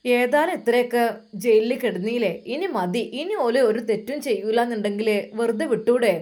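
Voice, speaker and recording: A woman voicing a kind-hearted older village mother who talks gently and soothingly. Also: on the high side, moderate pace, natural voice.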